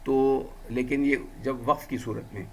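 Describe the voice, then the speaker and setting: A man teaching a language lesson, drilling words slowly and deliberately with frequent fillers. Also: medium pitch, steady tone, a little mellow, a little hiss or hum. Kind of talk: classroom lesson.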